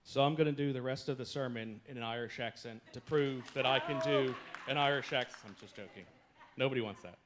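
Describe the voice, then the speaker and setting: A man's voice: medium pitch, brisk, noisy background. A man giving a guest sermon from a church stage, chatty and self-deprecating, often breaking into jokes between "uh"s. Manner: jokey, self-deprecating, many fillers. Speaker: guest speaker. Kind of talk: casual joking sermon talk. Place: church stage before a congregation.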